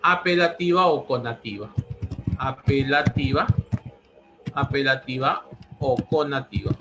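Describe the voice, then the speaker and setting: A man's voice: medium pitch, unhurried, highs cut off, music in the background. A man teaching a language lesson, repeating each answer several times. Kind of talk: pre-university language lesson.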